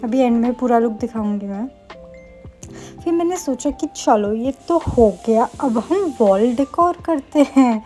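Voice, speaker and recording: A young woman talks quickly and playfully in a casual vlog, poking fun at herself as she goes. Her voice sits a little high but sounds mellow and warm. Faint music plays underneath. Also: lively intonation. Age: young adult. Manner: fast, chatty talker; self-mocking, playful asides. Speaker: medical student vlogger. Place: student hostel room.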